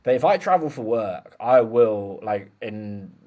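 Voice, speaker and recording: A man's voice: on the low side, animated, a little slow, dark tone. A man hosting a casual business conversation, chatty and loose, leaning on fillers as he talks. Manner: chatty, many fillers like "like", agrees often.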